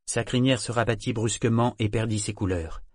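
A man reading an audiobook in an even, measured storytelling manner. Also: fairly low pitch, husky, no echo, clean studio sound. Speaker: audiobook narrator. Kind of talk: scripted narration.

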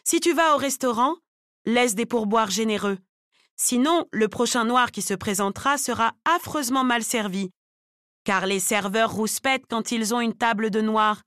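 A woman narrating a novel aloud in a measured, steady, lightly ironic way. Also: a little high, dry recording, studio quality. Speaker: audiobook narrator.

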